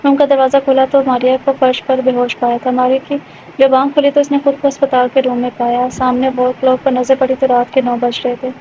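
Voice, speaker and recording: Female audiobook narrator, high and flat delivery, scripted romance narration, dull lo-fi recording. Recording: dull lo-fi with faint hiss.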